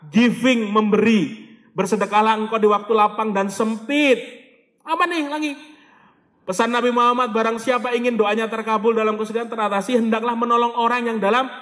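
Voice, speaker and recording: A middle-aged man giving a motivational religious talk, animated and acting out quoted voices. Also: high voice. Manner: animated, switches into quoted voices and Javanese phrases. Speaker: motivational speaker. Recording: reverberant hall.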